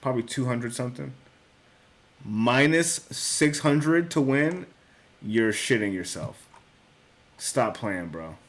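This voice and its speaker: A man's voice: medium pitch, lively intonation, slow pace, pauses often. A young man hosting a casual solo talk on sports picks, thinking aloud, correcting himself and swearing now and then. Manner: casual, swears, says bro and dude. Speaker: sports betting picks host.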